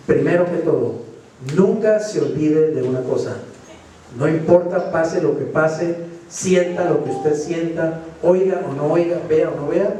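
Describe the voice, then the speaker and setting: Brief: high-pitched, mellow-voiced Colombian male pastor, sermon heard from afar in a big reverberant church. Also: a little hiss or hum. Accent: Colombian Spanish. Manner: preaching with rhetorical questions to the congregation. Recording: echoey church hall from far off.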